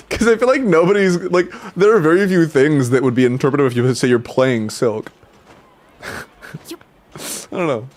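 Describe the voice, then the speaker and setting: A young man with a voice on the high side speaks at a moderate pace with long pauses, slight background noise in the mix. Streaming a game, he chats casually with viewers, sounding stuffy and congested, rambling with restarts, swearing casually and laughing.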